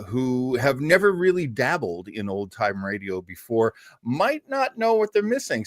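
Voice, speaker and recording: A middle-aged man with a medium-pitched voice hosts a live old-time radio listening show. He chats with his viewers in a casual, playful, jokey way. The audio is clean studio sound with no echo.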